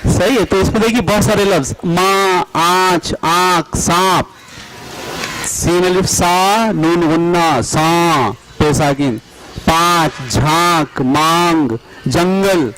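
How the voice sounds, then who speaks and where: Slow, deliberate man teaching spelling. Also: a little high, fairly bright tone, rough recording. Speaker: teacher trainer.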